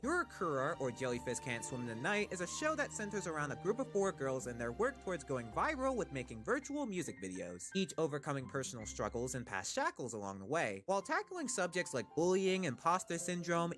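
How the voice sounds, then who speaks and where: A highly animated narrator delivers a scripted anime video essay. The delivery is dramatic with joking asides, and music plays clearly behind the voice.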